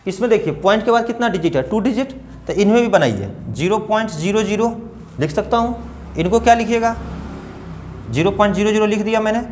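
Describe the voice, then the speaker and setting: High-voiced man teaching math patiently. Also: animated, a little fast, a little mellow, slight background noise. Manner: patient, repeats numbers step by step, asks children questions. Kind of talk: classroom math lesson.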